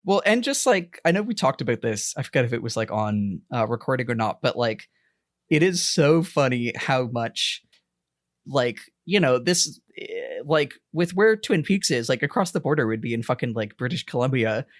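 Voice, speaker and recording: A man's voice: mid-range voice, very animated, normal speed, dry recording, studio quality. A man co-hosting a podcast in a casual chat, rambling, laughing often and swearing freely. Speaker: podcast co-host.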